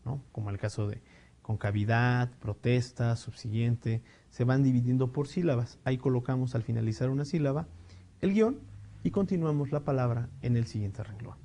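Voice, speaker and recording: A male teacher explaining punctuation rules, reading example sentences slowly with emphasis and checking in with the class. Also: mid-range voice, warm tone. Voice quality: clears throat now and then. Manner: explanatory, with frequent fillers and checking "¿sí?". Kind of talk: recorded spelling and punctuation lesson.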